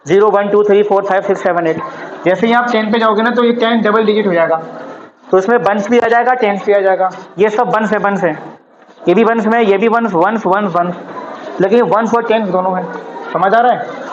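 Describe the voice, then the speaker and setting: A high-pitched man teaching a maths class in a classroom. He explains step by step, repeats his points and keeps asking the class questions that he answers himself. The room is echoey and the recording sounds dull, with faint noise behind him. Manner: slow and repetitive explaining. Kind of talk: classroom lesson.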